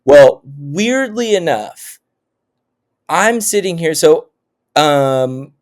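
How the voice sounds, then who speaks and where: Chatty rambling man, slightly high voice. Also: lively intonation, drawn-out words. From Oklahoma. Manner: rambling storyteller, lots of restarts and laughs. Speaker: guest co-host. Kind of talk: casual podcast chat.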